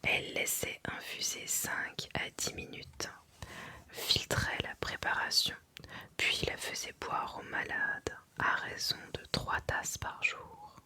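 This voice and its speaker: This is an ASMR reading in a pure, breathy whisper. The sound is sharp and very bright. The reader moves very slowly and carefully, leaving deliberate pauses between phrases.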